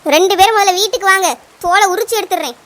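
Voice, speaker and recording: In cartoon voice acting, a woman with an extremely high, somewhat bright voice plays Chinnaponnu, an anxious, strict village mother. She scolds rapidly in a Kanyakumari Tamil accent.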